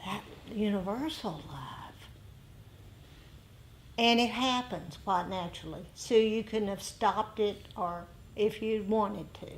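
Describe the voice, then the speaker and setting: A woman meditation teacher gives an unscripted dharma talk while leading a group discussion in a group meditation meeting room. Her medium-pitched phrasing is deliberate and emphatic with some repetition, and the recording is clear with background room noise.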